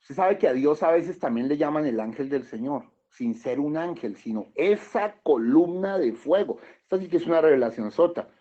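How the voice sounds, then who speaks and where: A man's voice: fairly high pitch, expressive, moderate pace, few pauses, mellow. A male pastor with a Colombian accent, preaching a sermon as he reads passages aloud and comments on them. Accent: Colombian Spanish. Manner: reads quotes aloud, then comments with chuckles and questions. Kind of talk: sermon reading and commenting on scripture. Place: church hall. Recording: dull lo-fi church recording.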